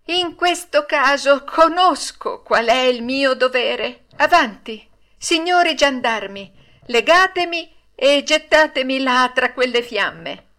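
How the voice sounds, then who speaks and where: A woman voicing a brave wooden puppet boy in a storybook reading, pleading in a high tearful voice. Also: lively intonation, takes it slowly, pushed and bright, heavily acted. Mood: heroic.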